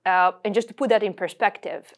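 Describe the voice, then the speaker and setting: A woman's voice: mid-range voice, fairly quick. A woman from Serbia in her forties, giving a webinar talk with frequent fillers and restarts. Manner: many fillers and restarts, uses "like" often. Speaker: guest speaker. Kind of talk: webinar presentation.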